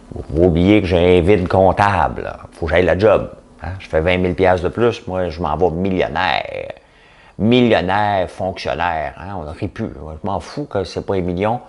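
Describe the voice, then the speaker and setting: A man's voice: deep voice, measured pace, darkish tone. A middle-aged man with a Québécois French accent, hosting a casual morning commentary with folksy jokes and rambling asides. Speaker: commentary podcast host.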